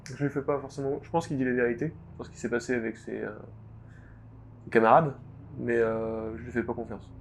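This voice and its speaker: A man's voice: medium pitch, little pitch movement, brisk, creaky, slight background noise. A man chatting casually as a player in a tabletop role-playing game.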